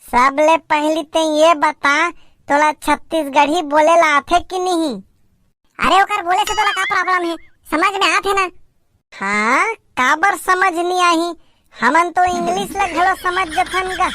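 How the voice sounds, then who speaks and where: Here a woman voices squabbling village children arranging a doll wedding for a comedy cartoon. Her exaggerated delivery is very high-pitched, bright and pushed, carries a Chhattisgarhi accent, and comes with a slight hiss or hum, as the kids tease and giggle through rapid back-and-forth exchanges.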